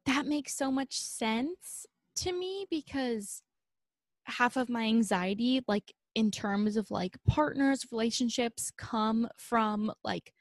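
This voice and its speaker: Young woman, slightly high voice, casual. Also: slow, no room sound, clean studio sound. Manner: relaxed, meandering, fillers and casual swearing. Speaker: podcast co-host. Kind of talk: casual chat.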